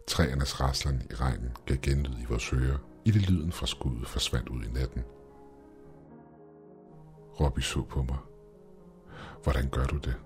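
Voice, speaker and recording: A man's voice: a bass voice, a little mellow. A man narrating a first-person horror story in a cold, grim tone. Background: faint music.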